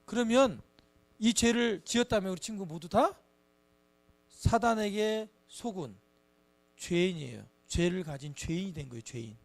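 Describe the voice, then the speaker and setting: A man's voice: sits high, moderate pace, gravelly, long pauses. A man teaching a Bible lesson to children, acting out taunts and asking them questions. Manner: animated, acts out children's taunts; asks the children frequent questions. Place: church.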